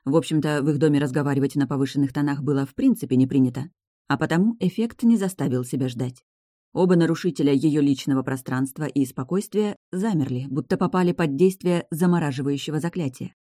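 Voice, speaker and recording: A woman narrating a storybook chapter aloud, with expressive storytelling. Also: low voice, quick pace, no echo, studio quality. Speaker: audiobook narrator. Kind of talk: scripted narration.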